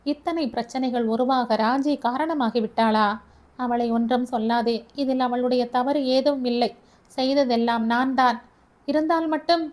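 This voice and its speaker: Woman doing a soft-spoken young man, caring, coaxing, fairly high voice, audio story. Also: steady tone, measured pace, lightly acted. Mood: firm.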